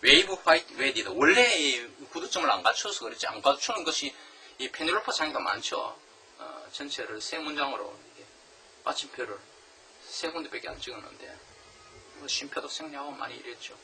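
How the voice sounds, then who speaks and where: Animated male literature lecturer. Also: fairly high pitch, distant mic, a little hiss or hum, low-quality recording. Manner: animated, rhetorical questions, reads English lines slowly. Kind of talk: classroom lecture on a novel.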